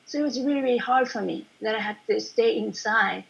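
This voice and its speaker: A woman from Japan, a painter, giving a casual online presentation over a video call, talking in a chatty way with many fillers and soft laughs. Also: fairly high pitch, a little fast, gravelly, breathy edge, lo-fi sound. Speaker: watercolour painter presenting her work.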